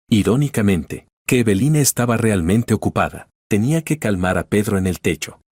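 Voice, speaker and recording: A man with a fairly low, husky voice reads a first-person story aloud in calm, even scripted narration. The sound is dry and close, with no room around it. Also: no room sound.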